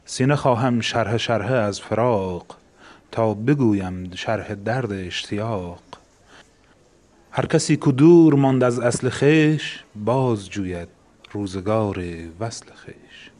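A man recites classical poetry in a steady, rhythmic cadence. His voice sits fairly low and moves along quickly.

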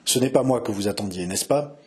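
Storybook: harsh old commander over sixty, gruff and scornful, read by a man. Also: on the low side, fairly quick, darkish tone, close to an everyday voice. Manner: curt, rough and scornful. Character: old gruff male army chief, harsh and proud. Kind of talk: audiobook character reading.

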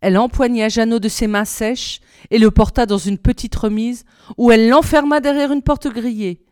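Smooth-voiced woman reading a fairy tale. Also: a little high, steady tone, moderate pace, a little mellow, dry recording, clean studio sound. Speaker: reader. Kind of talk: storybook reading.

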